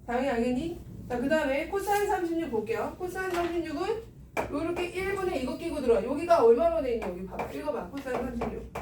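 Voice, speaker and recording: A woman teaching math to a class, her voice high and her tone coaxing as she keeps asking students questions. She sounds distant from the mic, the room is echoey, and a steady noise runs behind her. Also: fast talker.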